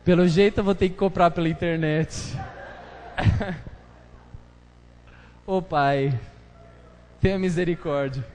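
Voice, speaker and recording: A man's voice: on the high side, steady tone, takes it slowly, pauses often, darkish tone. A pastor preaching a casual, joking sermon full of slang, chatting with his congregation during a live church service. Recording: live church hall reverb, faint noise.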